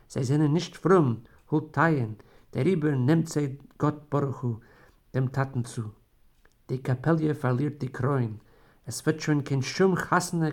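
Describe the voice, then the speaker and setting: A man's voice: fairly high pitch, darkish tone. A man reading a story aloud in a solemn, theatrical way. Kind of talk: dramatic literary reading.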